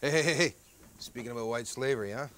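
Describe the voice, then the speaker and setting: A man's voice: medium pitch, quick pace, noisy background. A man in his thirties hosting a TV cooking show at an outdoor grill, chatty and joking, often tagging lines with "okay?". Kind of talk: jokey TV cooking demonstration. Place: outdoor backyard grill deck.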